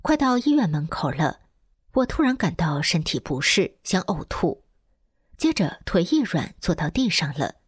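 A woman reading a first-person testimony aloud in a steady, earnest way. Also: fairly low pitch, moderate pace, husky, dry recording, clean studio sound.

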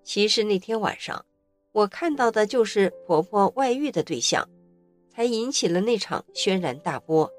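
A woman narrating her own life story in an earnest, expressive way. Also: mid-range voice, moderate pace, soft background music. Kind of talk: first-person story narration.

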